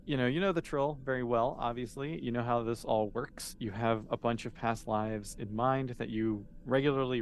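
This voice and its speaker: A man with a lowish voice acts as game master, casually improvising narration for a tabletop role-playing game and thinking aloud as he goes.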